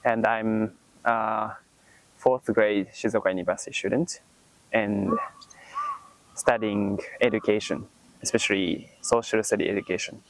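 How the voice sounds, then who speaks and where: A university student in his twenties with a Japanese accent answers interview questions in English, his second language. He's hesitant, often saying "like" and "um", pausing frequently and speaking a little slowly in a fairly low, steady voice. The recording quality is low.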